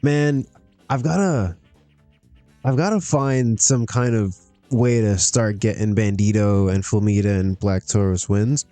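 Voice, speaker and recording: A man's voice: on the low side, a little slow, dark tone, no echo, faint music behind. A man streaming a wrestling management game, chatting casually to himself, laughing often as he reacts to results. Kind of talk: casual gameplay commentary.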